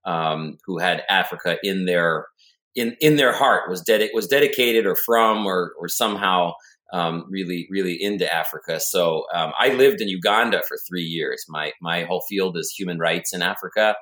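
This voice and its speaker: A man's voice: deep voice, moderate pace, a bit bright. A man speaking as a podcast guest, rambling with many restarts.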